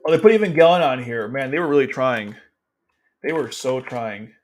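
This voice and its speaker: A man commentating casually on a livestream, reading an article aloud and reacting to it with excited, exasperated outbursts. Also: mid-range voice, moderate pace, faint music behind.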